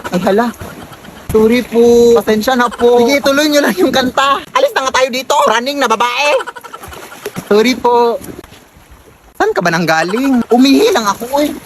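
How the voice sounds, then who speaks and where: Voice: mid-range voice, expressive, normal speed, long pauses, background noise. A comedy sketch performer switching between characters with exaggerated comic delivery. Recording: loud background music.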